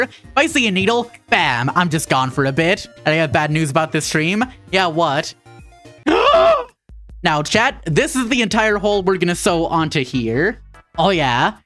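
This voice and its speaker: A woman's voice: on the low side, a bit bright. A woman from Minnesota with a Minnesotan accent, chatting irreverently with her chat while sewing on a livestream. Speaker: VTuber streamer. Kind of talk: casual craft livestream chat.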